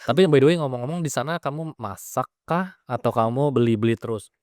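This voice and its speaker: A man's voice: medium pitch, brisk, a little mellow, no room sound, clean studio sound. A young man hosting a casual podcast interview, asking playful, teasing questions and mixing in English phrases. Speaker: podcast host.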